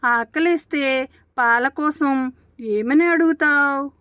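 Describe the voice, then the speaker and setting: A woman's voice: high-pitched, slow, a bit bright, dry recording. A woman voicing a sad, orphaned little kitten in a storybook tale, speaking in a tearful, pleading way.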